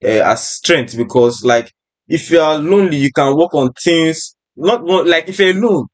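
A man's voice: fairly high pitch, moderate pace. A young adult man with a Nigerian accent hosting a casual podcast chat in an informal, slangy way. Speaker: podcast host.

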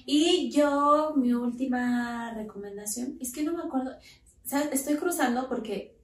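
Rambling, self-deprecating Mexican co-host, slightly high voice, off-mic with soft music behind. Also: female voice, a little slow, roomy sound, far from the mic. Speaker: podcast co-host. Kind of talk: casual chat.

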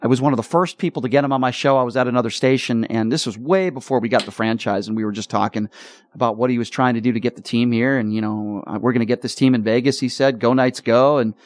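A man hosting a sports talk radio show, talking in an earnest, halting way with repeated words, choked up with emotion. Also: medium pitch, steady tone.

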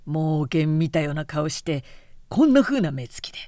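A man's voice: a little high, lively intonation, moderate pace, darkish tone, no echo, studio quality, lightly acted. A woman voicing a wry young male samurai who mutters to himself and answers politely. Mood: muttering.

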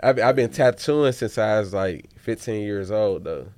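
Deep-voiced laid-back tattoo artist. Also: male voice, lively intonation, measured pace, a little mellow. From Pittsburgh, raised in Dallas. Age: late 20s. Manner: laid-back, slangy, repeats "for real". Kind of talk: casual chat.

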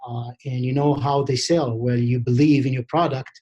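A middle-aged man with an Israeli accent, a guest on a podcast, talking in a casual, halting way with many fillers. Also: medium pitch, steady tone, mellow, husky, dull audio. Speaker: guest, diamond equipment vendor.

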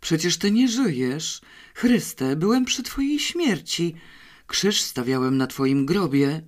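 A reader voicing an older male forester who speaks in a stunned, hushed way. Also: medium pitch, wildly swooping pitch, drawn-out words, breathy edge, exaggerated voice.

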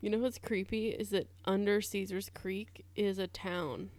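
A woman's voice: mid-range voice, fairly even intonation, unhurried, a little mellow, no room sound. Giggly woman podcast co-host, dry sound. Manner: giggly, chatty and playful. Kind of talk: casual podcast chat.

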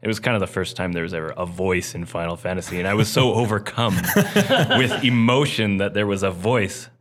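A man in a casual gaming podcast chat, halting and giggly, laughing at his own stories. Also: on the low side, animated, a bit bright. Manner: giggly, halting, self-mocking.

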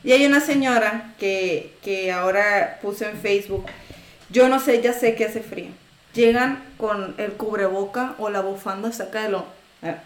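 A woman telling stories in casual chat, animated and swearing freely as she acts out customers. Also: mid-range voice, measured pace, roomy sound. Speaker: tortilla shop worker telling stories.

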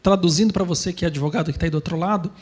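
A man's voice: high voice, rapid-fire, slight background noise. A man on a live panel, explaining to lawyers in plain terms. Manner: explains plainly, imitates hesitant students. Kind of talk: casual panel talk.

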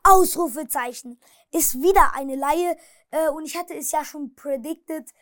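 Recorded with clean studio sound and no room echo, this woman runs through football results and transfer gossip in a high, bright, leisurely voice. The football vlogger pauses hesitantly and keeps apologizing for how she pronounces things.

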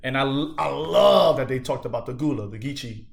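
A man hosting a casual book-talk podcast, easygoing and quick to agree. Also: medium pitch, gravelly. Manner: easygoing, affirming, repeats short agreements. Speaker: podcast host.

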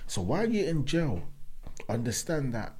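A man's voice: medium pitch, very animated, normal speed, a little mellow. A man with a London roadman accent telling stories casually in street slang, emphatic and acting out the exchanges he quotes. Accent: London, urban roadman slang. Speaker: talk show speaker who mentors prisoners.

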